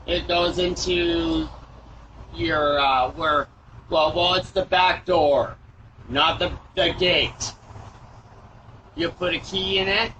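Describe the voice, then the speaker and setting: A man talking haltingly to a doorbell camera, hesitating and repeating words, with the sound of a doorbell speaker. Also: a little high, fairly even intonation, sharp tone, highs cut off. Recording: noisy outdoor doorbell camera audio.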